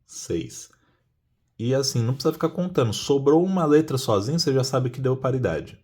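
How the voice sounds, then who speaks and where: A man's voice: mid-range voice, expressive, fairly quick, darkish tone. A man explaining a puzzle-cube method step by step in a casual hands-on tutorial, often asking rhetorical questions.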